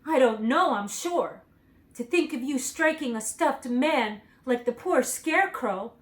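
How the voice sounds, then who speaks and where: A woman's voice: sits high, lively intonation, a little slow, pitched above the performer's own voice. A woman reading as spirited young girl Dorothy. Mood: indignant. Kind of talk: children's storybook reading.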